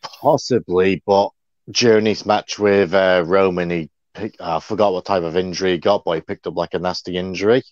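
A man's voice: deep voice, steady tone, normal speed, a little mellow, no room sound. A man co-hosting a casual livestream chat, rambling and chatty. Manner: chatty, rambling, many fillers. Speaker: co-host. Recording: dull lo-fi dry sound.

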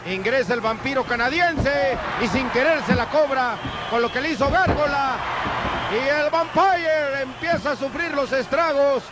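A Mexican man delivers live wrestling commentary at a very high pitch. His phrasing is florid and playful, like a storyteller. The old broadcast recording is thick with loud noise from the arena. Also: unhurried. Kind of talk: live lucha libre commentary. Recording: very noisy old TV sports broadcast.

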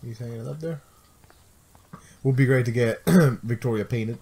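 A man's voice: mid-range voice, normal speed, mellow. A man giving casual, laid-back let's play commentary in short remarks. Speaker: gaming co-commentator. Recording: faint noise, game sound underneath. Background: game ambience.

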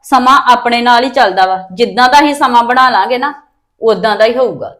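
A woman's voice: on the high side, fairly quick, fairly bright tone. A young woman with a Punjabi accent playing a daughter who pleads and argues with her mother in a family drama. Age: young adult. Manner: pleading, defensive.

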